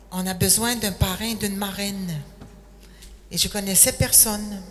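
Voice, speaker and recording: An older woman from Quebec City with a Québécois accent, giving a personal testimony and telling her story in an unhurried way. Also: mid-range voice. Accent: Québécois French. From Quebec City, Canada. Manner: slow, unhurried storytelling, sentences often starting with 'alors'. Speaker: speaker giving a faith testimony. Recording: echoey hall with faint noise.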